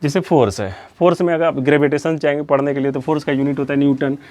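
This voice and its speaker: A man's voice: fairly high pitch, quick pace. A man teaching a physics lesson in a lecture style, asking questions and answering them himself, repeating key terms as a drill. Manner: steady, explanatory, drills terms.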